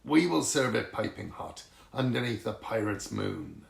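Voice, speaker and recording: A man's voice: mid-range voice, lively intonation, unhurried, creaky. A man voicing a hearty, commanding old pirate captain in a storybook, talking in theatrical pirate speech. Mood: grand. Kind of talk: storybook character reading. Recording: roomy, echoing sound.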